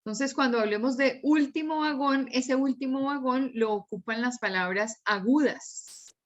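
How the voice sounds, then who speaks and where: A woman teacher lectures in an unhurried, careful way, going over her examples one by one. Her voice sits a little high. The sound is dull and lo-fi, like an online class. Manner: patient, repeats and spells out examples. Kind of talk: slow, explanatory class lecture.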